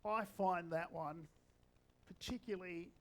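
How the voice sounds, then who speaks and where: A man's voice: sits high, unhurried, rough recording. A man in his sixties, a preacher giving a conversational sermon with wry humour. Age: 60s.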